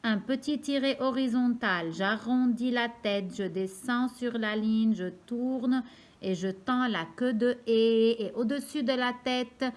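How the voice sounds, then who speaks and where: A woman teaching young children a lesson, speaking slowly and clearly and repeating each word so they can follow. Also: fairly high pitch. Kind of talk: slow, careful classroom lesson for young children.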